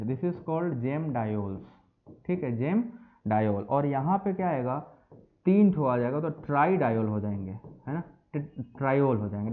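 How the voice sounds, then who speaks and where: A man teaching a chemistry lecture to students, calling them beta and mixing English phrases into his explanation. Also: mid-range voice. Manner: lively, addresses students as beta and bachche. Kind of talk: classroom lecture. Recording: tinny phone-like audio.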